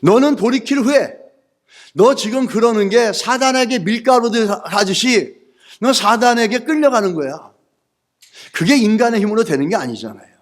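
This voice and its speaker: A male pastor preaching a sermon, posing rhetorical questions to the congregation and mixing in English words. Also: high voice.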